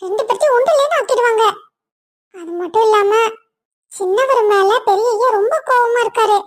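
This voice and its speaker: A woman's voice: extremely high pitch, moderate pace, voice pushed up. A woman voicing a timid young female servant in a cartoon story, who asks hesitant questions. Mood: worried.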